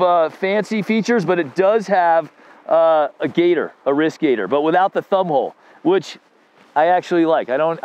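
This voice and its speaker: A man's voice: a little high, a little mellow. Laid-back slangy man reviewing ski gear. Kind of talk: casual product review. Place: outdoors on a snowy ski slope. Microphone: lapel mic.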